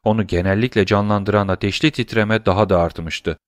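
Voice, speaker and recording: A man reading a novel aloud in scripted audiobook narration, measured and suspenseful. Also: lowish voice, steady tone, no echo, clean studio sound.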